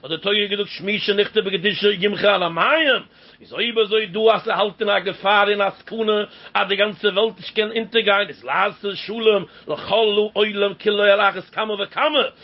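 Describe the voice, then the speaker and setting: High-voiced man teaching, dull lo-fi sound. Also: steady tone, moderate pace. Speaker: religious teacher. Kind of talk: religious lesson on scripture. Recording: dull lo-fi recording.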